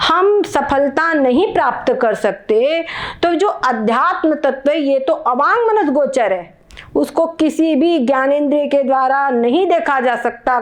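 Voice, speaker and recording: A woman giving a spiritual discourse, explaining patiently and often checking that her listeners follow. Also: high voice. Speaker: spiritual teacher.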